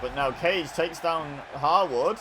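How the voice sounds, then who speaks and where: A man calling wrestling video game action play-by-play in a chatty, excitable way, often correcting himself. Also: fairly high pitch, slow pace, noisy background. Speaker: gaming video host. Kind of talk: play-by-play commentary over video game footage.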